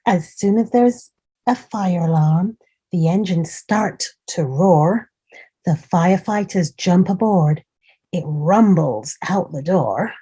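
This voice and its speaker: A woman with a lowish, warm, husky voice hosts a children's storytime, reading a picture book aloud slowly and expressively. She chats encouragingly with her young listeners and points out details as she goes.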